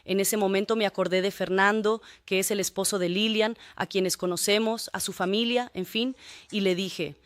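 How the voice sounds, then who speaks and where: A woman's voice: mid-range voice, fairly even intonation, moderate pace, no echo, clean studio sound. A woman testifying as a defendant in court, giving a long, detailed account and often adding tag questions.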